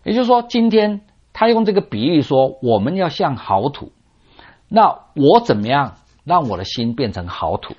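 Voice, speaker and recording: Male preacher, sermon delivery, husky and breathy, questions his congregation then answers himself, muffled low-fi capture. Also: sing-song, a little mellow. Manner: asks and answers his own rhetorical questions; teaching tone with drawn-out sentence particles. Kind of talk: sermon expounding a scripture parable. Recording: dull lo-fi recording.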